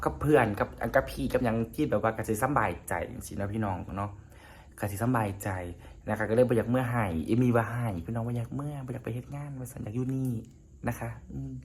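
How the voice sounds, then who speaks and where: A man's voice: medium pitch, steady tone, quick pace, darkish tone, slight background noise. Chatty man with an Isan accent. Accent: Isan (northeastern Thai). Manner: chatty, rambling, keeps addressing viewers as friends. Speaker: vlogger. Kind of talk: casual vlog chat to viewers.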